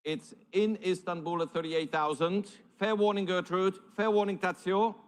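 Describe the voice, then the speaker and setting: A man's voice: sits high, steady tone, normal speed, clear, resonant tone. A man working as an auctioneer, calling numbers and bids live in formal, courteous patter.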